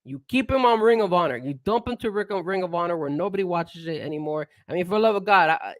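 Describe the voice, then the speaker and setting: A man with a high-pitched, expressive voice talks fast in clean studio sound with no echo. Co-hosting a casual wrestling talk show, he rants heatedly, curses, fires off rhetorical questions, and laughs often.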